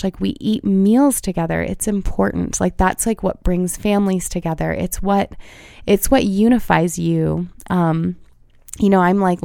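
A woman's voice: fairly low pitch, creaky, dark tone, smooth, no echo, studio quality. A woman in her thirties, a pediatric feeding therapist, talking in an earnest, heartfelt way with frequent fillers in a conversational interview.

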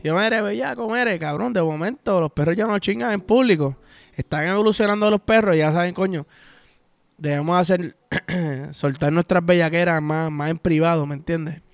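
High-voiced Puerto Rican man, crude rambling. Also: moderate pace, dry recording, soft background music. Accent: Puerto Rican Spanish. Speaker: podcast host. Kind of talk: casual comedic podcast monologue.

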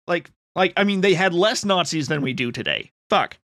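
A man's voice: high voice, animated, moderate pace, a bit bright. A man recapping a film in casual chat, sardonic and rambling, with frequent restarts. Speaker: podcast co-host recapping a film.

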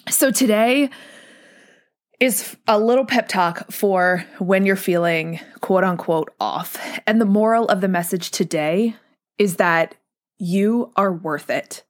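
A woman psychologist hosting her own podcast, giving listeners an energetic, encouraging pep talk in direct address. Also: mid-range voice, slow.

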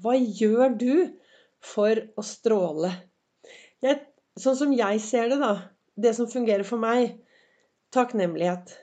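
A woman hosting a podcast in a chatty, encouraging motivational monologue, her voice slightly hoarse and her throat often cleared, with many fillers. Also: a little high, dark tone. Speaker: podcast host. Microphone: semi-pro recording setup.

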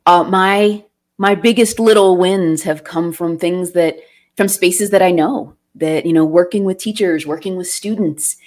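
A woman educator telling a story as a podcast guest, reflective and thoughtful, with halting restarts. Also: lowish voice, darkish tone. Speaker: guest, academic director and educator.

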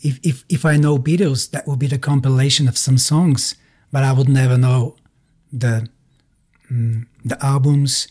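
A middle-aged male musician with a Bulgarian accent is being interviewed, telling personal stories in a casual way. His husky, medium-pitched voice sounds relaxed and warm, and he halts to search for words in his non-native English as he recalls memories.

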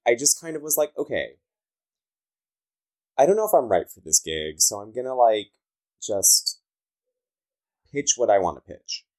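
A man's voice: medium pitch, sing-song, a little slow, pauses often, dark tone. A man with a Southern Californian accent chatting casually as an interviewed writer, talking like a valley girl with "like" sprinkled through. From Southern California, United States. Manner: valley girl talk, peppered with "like". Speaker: interviewed comic book writer.

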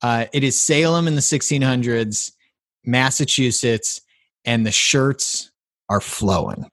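In a casual movie-review chat, a male podcast co-host playfully recaps a film's plot and cracks jokes along the way. His voice is medium-pitched and fairly bright, and he speaks at a measured pace. The recording is dry and studio quality.

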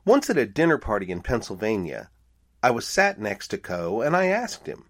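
A man's voice: mid-range voice, normal speed. A middle-aged man hosting his own podcast, telling stories in a casual, wry, conversational way. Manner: animated, conversational, wry asides. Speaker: podcast host, archaeologist.

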